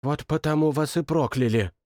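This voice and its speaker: A man voicing a blunt woman cook who scolds her master in a low mutter. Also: very animated, moderate pace, darkish tone, no echo, clean studio sound. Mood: reproachful. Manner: muttering, reproachful. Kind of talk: audiobook narration.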